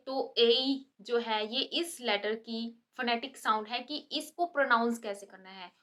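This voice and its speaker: A woman teaching letter pronunciation, slowly stretching out example sounds as she explains. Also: on the high side, pushed and bright. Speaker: English teacher. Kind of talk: Hindi-English lesson explanation.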